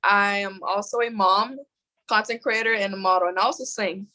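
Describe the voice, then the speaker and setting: Bright-voiced, easygoing young woman. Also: mid-range voice, fairly even intonation, moderate pace, rough recording. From Philippines. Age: 20s. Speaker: guest content creator. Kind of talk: casual group interview.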